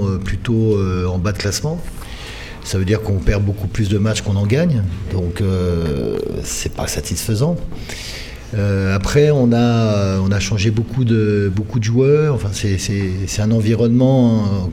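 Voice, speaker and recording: Speaking in a lowish, warm voice over a little hiss or hum, a middle-aged handball coach replies to radio interview questions. He comes from the Paris region of France and talks conversationally in the studio, often searching for words.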